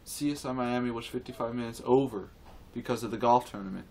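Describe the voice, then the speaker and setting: A man of middle pitch rants to camera in a casual video. He rambles and circles back on the same phrases, with false starts and fillers throughout. His tone is earnest and indignant. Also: fast, gravelly, a little mellow, slight background noise. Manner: rambling, repetitive, with many restarts and fillers. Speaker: vlogger. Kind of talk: casual opinion rant to camera.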